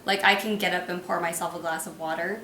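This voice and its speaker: A young woman talks frankly about her own experiences, laughing easily now and then. Her voice has a bright, clear edge. The sound is roomy, as if recorded in a room at home, with a faint hum behind it. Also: lowish voice, steady tone, quick pace. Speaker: vlogger. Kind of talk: casual storytelling chat.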